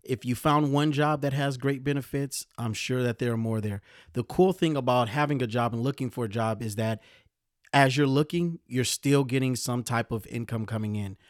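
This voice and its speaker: A man hosting a podcast, giving motivational career advice in a lively, preachy way that sometimes gets riled up. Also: mid-range voice, moderate pace, dry recording, clean studio sound. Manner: animated, gets riled up, mimics complainers. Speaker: podcast host.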